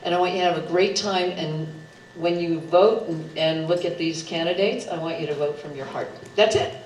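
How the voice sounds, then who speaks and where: A woman's voice: lowish voice, moderate pace, a little mellow. A woman in her seventies, a county candidate giving a playful, chatty speech at a public debate. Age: 70s. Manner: chatty, playful, gets the crowd chanting. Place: public meeting room. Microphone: handheld mic heard from a distant camera. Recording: roomy hall audio from far off, faint noise.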